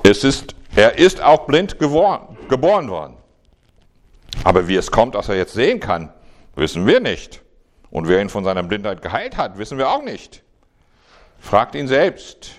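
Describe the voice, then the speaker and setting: A man's voice: lowish voice, wildly swooping pitch, normal speed. A man reading the evasive answer of frightened parents. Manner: evasive, nervous. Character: anxious parents of the healed man.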